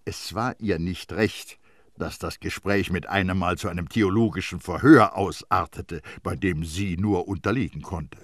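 A man reading scripted narration for an audiobook in a measured, low-key storytelling manner. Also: no room sound, clean studio sound.

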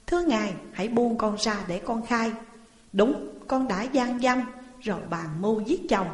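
A woman's voice: fairly high pitch, moderate pace, natural voice. A young wife, wrongly accused, pleads with anguish in her voice, as a woman narrator puts her on. The sound is roomy and carries a long reverb. It is a storybook reading.

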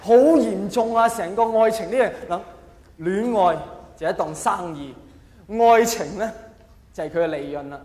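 Performing live stand-up, a man with a Hong Kong Cantonese accent speaks in a high, darkish voice at a moderate pace. He plays out quoted characters theatrically and peppers the crowd with rhetorical questions, while the echoey hall adds long reverb and a little noise.

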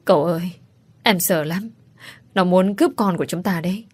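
A woman's voice: on the low side, moderate pace, darkish tone, husky, no room sound. A woman voicing a frightened, pregnant young wife who pleads tearfully in a storybook reading.

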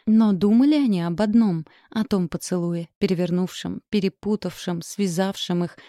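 A woman reads a first-person audiobook with expressive, ironic storytelling. Her voice sits a little low and sounds mellow and warm. The recording is close and dry, with no room sound. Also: no echo. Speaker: audiobook narrator.

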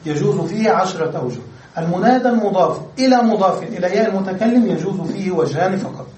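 A man's voice: sits high, lively intonation, fast, darkish tone, recorded from a distance. Guy explaining grammar rules to a class, asks then answers, echoey room with faint background hum. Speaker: Arabic grammar teacher.

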